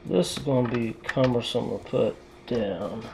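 A man talks his way through a computer repair, rambling and poking fun at himself as he works. His voice has a gravelly edge at a middle pitch. Faint guitar music plays quietly behind him. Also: unhurried. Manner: rambling, self-deprecating, talks to himself while working. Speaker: PC hobbyist vlogger. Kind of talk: casual narration while working on a PC.

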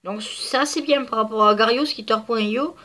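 Nasal and congested from a cold, a female gaming creator rambles chattily over her gameplay, leaning heavily on fillers. Her voice is on the high side, bright and forceful, and she talks fairly quickly.

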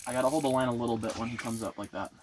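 A man's voice: medium pitch, steady tone, racing, noisy background. A young man fishing with a friend, talking playfully and whooping and laughing when a fish comes up, recorded by a camera inside a small ice fishing tent. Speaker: fishing partner. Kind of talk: casual chat while ice fishing.

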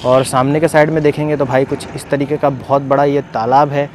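A man's voice: mid-range voice, level tone, a little fast. A young man narrating a travel vlog while riding on a motorbike, chatting with viewers and a friend. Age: young adult. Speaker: vlogger. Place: outdoors on a moving motorbike on a road. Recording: outdoor road noise.

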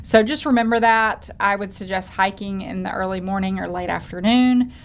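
A woman's voice: mid-range voice, fairly even intonation, normal speed, noisy background. Woman giving earnest hiking advice. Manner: earnest, advising. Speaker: travel vlog co-host. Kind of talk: scripted commentary with co-host.

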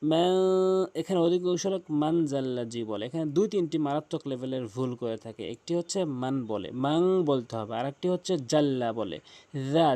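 A man teaching correct Quran pronunciation, who chants drawn-out verses and then gives quieter, quicker spoken corrections. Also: fairly high pitch. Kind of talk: tajweed lesson with slow chanted recitation.

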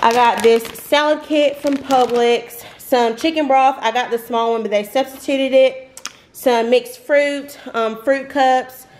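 A woman's voice: sits high, fairly even intonation, measured pace, darkish tone, a little hiss or hum. A young woman in her twenties chatting casually through a grocery haul vlog at home, rambling and laughing often. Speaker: vlogger. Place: home kitchen, indoors. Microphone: camera on the counter.

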